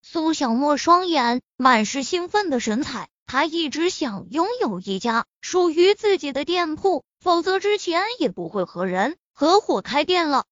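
A woman narrating a web novel audiobook in a steady storytelling manner. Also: high voice, no room sound. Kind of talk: scripted narration. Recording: dull lo-fi recording.

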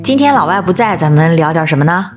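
A woman's voice: fairly low pitch, expressive, fast, over loud music. A woman co-hosting an English pronunciation podcast, patiently explaining spelling and stress in a bilingual teaching chat.

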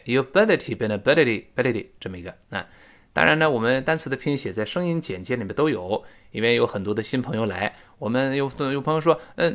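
A male English teacher giving an audio lesson, explaining pronunciation and slowly repeating English phrases to model them. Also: mid-range voice, a bit bright.

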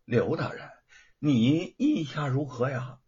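A man's voice: medium pitch, lively intonation, slow pace, mellow, husky, muffled recording, heavily acted. A male storyteller voicing a timid middle-aged official who stammers and exclaims in alarm. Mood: flustered.

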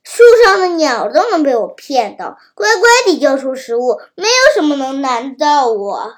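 A sly, greedy fox from a children's tale, voiced by a woman reader. It flatters in a sweet, wheedling way, set high in the voice. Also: normal speed. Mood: smug. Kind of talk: children's storybook reading.

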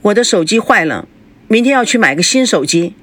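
A woman voicing a heartbroken, angry young daughter who lashes out in high, drawn-out cries. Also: big pitch swings, a bit bright, no echo, faint music behind. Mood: sulky. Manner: shrill outbursts, slowed and pitched up.

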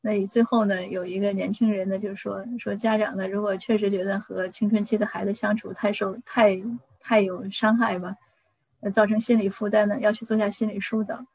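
Husky-voiced woman giving parenting advice. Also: medium pitch, flat delivery, moderate pace, darkish tone, no echo, rough recording. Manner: conversational, with frequent restarts and anecdotes. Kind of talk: casual advice talk.

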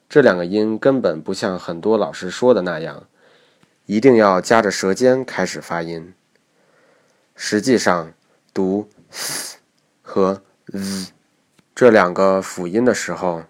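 Deep-voiced man teaching pronunciation. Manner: explanatory, measured. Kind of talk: lesson narration.

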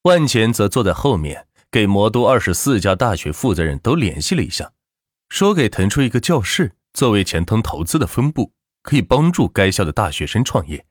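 A man reading a web novel aloud in animated audiobook narration, close to the mic. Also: on the low side, fairly quick, dry recording. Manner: animated storytelling with expressive rises and falls.

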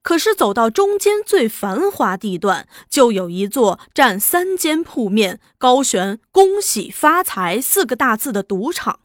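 A woman narrating a serialized novel in an expressive, lively storytelling manner. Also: a little high, measured pace, few pauses, no echo, studio quality. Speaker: audiobook narrator.

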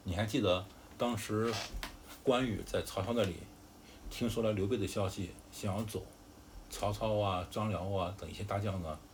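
A man tells a classic tale to his child in a casual, chatty way, stopping to explain and add asides. His voice sits fairly low. There is a faint hiss in the recording. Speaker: father telling a story to his child. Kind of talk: casual storytelling.

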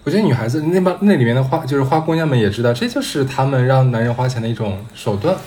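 A man co-hosting a podcast, with a voice that moves around a lot in pitch. He reacts wryly with short asides in casual chat and laughs along. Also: lively intonation, very fast, warm tone. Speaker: podcast co-host.

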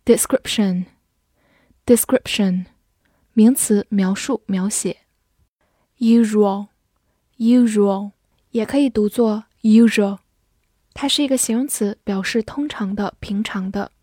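Woman vocabulary teacher, unhurried review reading, dry close sound with no room. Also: mid-range voice, husky, dry recording. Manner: says each word twice slowly, then calm definitions.

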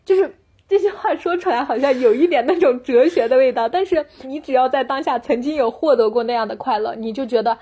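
A woman's voice: high voice, fast talker, warm tone, breathy edge. A woman chatting casually in a reflective, earnest and effusive way. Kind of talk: casual chat.

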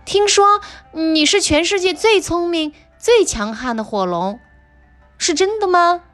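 A woman's voice: very high-pitched, expressive, a little slow, fairly bright tone, faint music behind, voice pushed up, full character voice. A woman voicing a clever, plucky young princess in a storybook reading, with eager exclamations. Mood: flattering.

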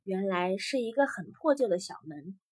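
A woman telling a folk tale as a storyteller, in a vivid and lively manner. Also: medium pitch, normal speed, husky, no echo.

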